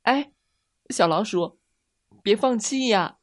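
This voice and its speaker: A man voicing an excitable little rabbit in a children's story, speaking eagerly and exclaiming. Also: very high voice, a little fast, pitched above the performer's own voice.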